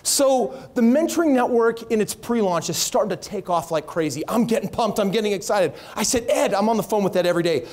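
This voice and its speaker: A man telling stories in an energetic way as a company founder giving a keynote on a conference stage. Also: high-pitched, a little fast, hardly any pauses. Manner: energetic, animated storyteller voicing others' quotes.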